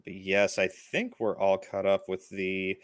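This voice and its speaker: A man's voice: sits low, little pitch movement, measured pace. A man hosting a casual live-streamed movie review chat, rambling with lots of filler words. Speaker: podcast host.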